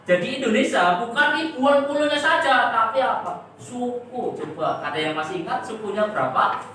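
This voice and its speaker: A woman's voice: fairly high pitch, lively intonation, normal speed, a bit bright, slight background noise. A woman teacher giving a classroom lesson, quizzing and coaxing her pupils with repeated questions. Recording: echoey classroom from far off.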